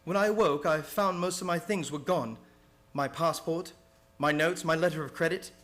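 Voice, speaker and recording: A man acting an anxious gentleman held prisoner, speaking in earnest, formal, dramatic fashion in an old-time radio horror play. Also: on the high side, normal speed, over loud music, close to an everyday voice. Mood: uneasy, grave. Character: anxious English gentleman, prisoner narrating his diary.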